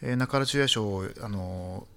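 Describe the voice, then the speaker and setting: A man in his thirties or forties, a poet guest talking in a halting, soft-spoken way with many fillers. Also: on the low side. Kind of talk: casual talk-show conversation.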